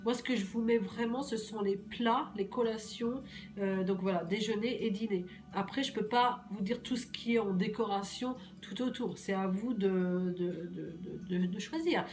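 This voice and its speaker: A woman from Normandy with a hoarse voice from a cold, chatting casually and reassuringly to her viewers about a weekly menu, with many fillers and repeats. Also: medium pitch, moderate pace, a little mellow. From Normandy, France. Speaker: weight-loss menu vlogger.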